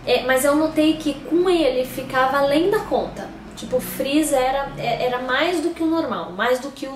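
A woman giving a casual, rambling product review, full of fillers and restarts, recorded at home on a camera mic. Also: on the high side. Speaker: beauty vlogger. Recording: roomy echo, distant camera mic, faint background hiss. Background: faint street noise.

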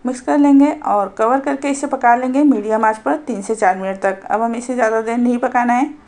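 A woman narrates a home recipe in a calm, instructive voice. She explains each step plainly as she cooks. Her voice sits a little higher than most women's. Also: a little fast. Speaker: cooking channel host.

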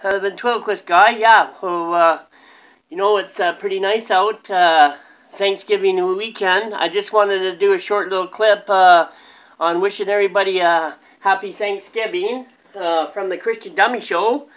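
A man's voice: high-pitched, steady tone, moderate pace, a bit bright, poor audio. A middle-aged man with a Canadian accent, chatting casually to camera as host of a ventriloquist show. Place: small cluttered room at home.

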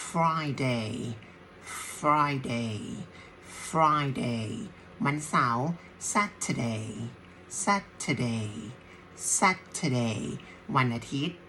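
Very low-voiced, slow-paced woman teacher. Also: fairly bright tone, a little hiss or hum. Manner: patient, motherly, drills words by repeating them slowly. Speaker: English teacher. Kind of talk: language lesson for beginners.

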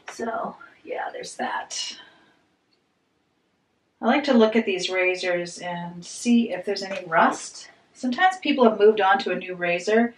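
Chatty middle-aged mom vlogging at home. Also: female voice, medium pitch, a little hiss or hum. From Maine, USA. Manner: upbeat, rambling, talks while cleaning. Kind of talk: casual chatty vlog. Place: bedroom, then small bathroom.

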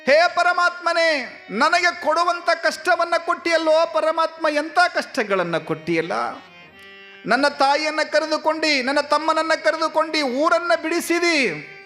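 A man's voice: extremely high pitch, a little slow, pushed and bright, soft background music, voice pushed up, exaggerated voice. A man voicing a grieving, orphaned young village woman in a wailing lament, with a North Karnataka Kannada accent.

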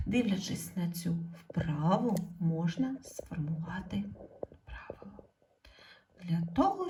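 A woman teaching a primary school spelling lesson. She speaks slowly and clearly, calls out example words loudly and drops almost to a whisper when stating the rule. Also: on the low side. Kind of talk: slow, clear classroom explanation.

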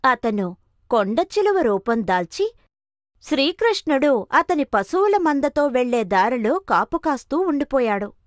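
A woman's voice: high voice, very animated, a little slow, no room sound, studio quality. A woman narrating a children's cartoon story with dramatic expression.

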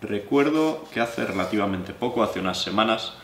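Seated at a wooden table in a living room, a young knife-sharpening instructor from La Mancha speaks in a lowish voice with a Spain Spanish accent. His relaxed, hands-on tutorial moves at a moderate pace, explaining to viewers with chatty asides, and the sound is roomy with a faint background hum.

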